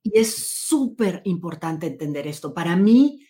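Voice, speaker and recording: A woman interview guest speaks at a normal speed in a warm, fairly low voice whose pitch swings widely. It's a conversational interview, and she sounds earnest and thoughtful, often amending what she's saying halfway through.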